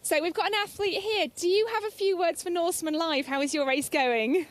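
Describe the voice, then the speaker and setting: A woman's voice: extremely high pitch, a little fast. A woman reporting live from an outdoor race aid station, chatty and upbeat, laughing often. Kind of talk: live trackside commentary.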